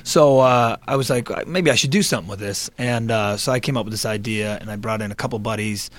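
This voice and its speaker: A man's voice: fairly low pitch, fast. A man in his thirties, a guest improv comedian chatting casually, rambling with lots of fillers and restarts. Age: 30s. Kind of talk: casual interview chat.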